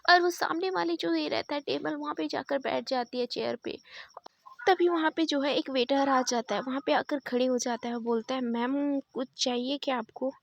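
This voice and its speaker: A woman's voice: high-pitched, moderate pace, vocal fry, no room sound. A woman retelling a love story in a chatty, casual way, full of repeated fillers.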